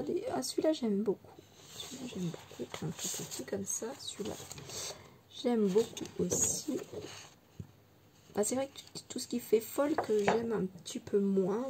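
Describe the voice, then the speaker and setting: A woman vlogger showing her scrapbooking purchases in a chatty, fond way, full of little fillers, sometimes dropping to a soft near-whisper. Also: medium pitch, unhurried, background noise. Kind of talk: casual haul show-and-tell.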